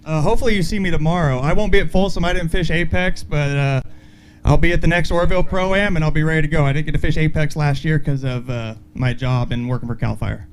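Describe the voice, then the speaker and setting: A man with a fairly high voice talks rapidly and casually as an angler at a lakeside weigh-in. The live recording has some faint noise. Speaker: tournament angler. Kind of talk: casual interview chat. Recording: noisy live event sound.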